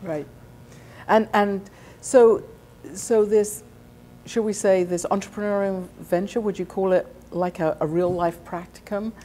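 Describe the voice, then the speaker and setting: A woman interviewing a student, asking questions in a friendly, halting way with many fillers. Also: mid-range voice, fairly even intonation, mellow, slight background noise.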